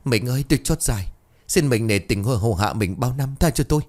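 A man's voice: medium pitch, animated, fairly quick, lightly acted. A man voicing a terrified young concubine who begs tearfully for mercy in a spoken ghost story. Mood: pleading. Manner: begging, tearful.

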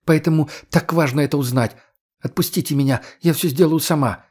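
A man's voice: a little high, a little fast, darkish tone, husky, pitched above the performer's own voice. A man voicing a tearful, stubborn young woman soldier. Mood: insistent. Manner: pleading, insistent.

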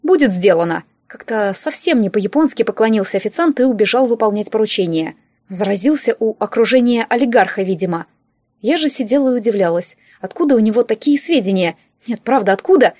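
A woman narrating a humorous romance audiobook in a wry, lively first-person manner. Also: a little high, a little fast, dry recording, highs cut off.

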